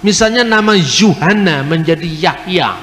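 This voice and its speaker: Male lecturer, slightly high pitch, explanatory, roomy reverberant hall recording. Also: lively intonation, normal speed, fairly bright tone. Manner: explanatory, mimics regional pronunciations. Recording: echoey hall with faint noise.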